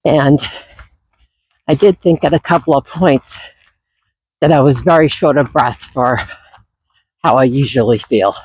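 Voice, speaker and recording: A man talking casually and reflectively while out running, his voice breathy and still husky from a recent illness, with sighs and pauses. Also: medium pitch, darkish tone, no room sound, rough recording. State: voice not fully recovered from illness, husky. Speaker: running vlogger. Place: outdoors on a trail.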